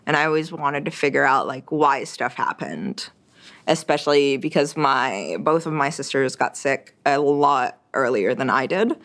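This interview guest is a young Québécoise with French as her first language, her voice rumbling low, a little slow and slightly bright. She talks casually and chattily, with many fillers and restarts.

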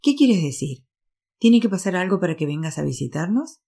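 A woman's voice: on the low side, big pitch swings, moderate pace, creaky, mellow, slightly rough, exaggerated voice. A woman reading a novel aloud, voicing an insistent, bossy sister who turns firm and soothing by turns. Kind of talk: audiobook reading.

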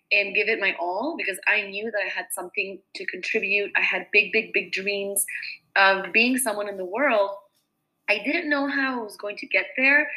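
A woman's voice: medium pitch, sharp tone, poor audio. A woman from Argentina, a podcast guest, telling her life story in an earnest, heartfelt way. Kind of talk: interview.

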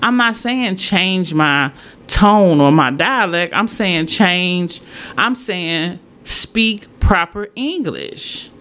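A woman's voice: lowish voice, animated, drawn-out words, a bit bright. A woman chatting casually to followers as a host, thinking aloud and repeating her points for emphasis. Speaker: solo host. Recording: clear background noise, room ambience.

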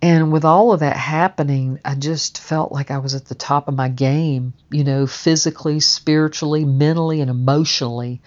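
A woman's voice: deep voice, steady tone, moderate pace, few pauses, darkish tone. A woman telling a personal story in a chatty, rambling way, full of fillers and restarts. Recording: dull, muffled audio.

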